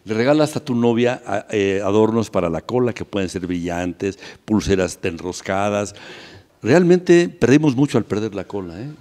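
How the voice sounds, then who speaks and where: A man's voice: lowish voice, normal speed, mellow. Joking Mexican man in a reverberant studio. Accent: Mexican Spanish. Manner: playful, rambling, joking musings. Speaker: talk show host. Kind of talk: casual studio banter.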